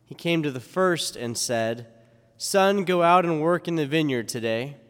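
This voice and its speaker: In a large church with long reverb, a man reads the gospel and then preaches a conversational homily packed with rhetorical questions. His voice is a little high and animated, moving at a measured pace, and it carries a cathedral-like echo.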